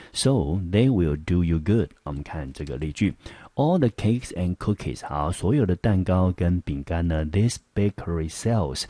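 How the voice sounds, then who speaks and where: A man's voice: low-pitched, dark tone, dry recording. A man teaching English vocabulary, patiently explaining each word and example sentence step by step. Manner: patient, explains step by step and asks the class rhetorical checks.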